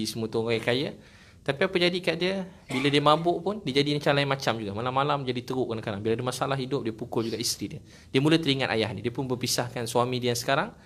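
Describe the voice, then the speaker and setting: A man with a Malaysian Malay accent gives a sermon to a gathering. His voice sits in a middle pitch, and he tells stories warmly paced, slipping in jokes and acting out what people said. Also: fast talker. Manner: storytelling with jokes and acted quotes. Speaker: preacher. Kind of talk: religious talk to a gathering.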